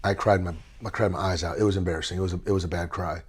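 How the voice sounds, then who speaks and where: A man's voice: low-pitched, steady tone, rapid-fire, breathy edge. A man hosting a casual podcast interview, telling stories in a chatty, playful way. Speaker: podcast host.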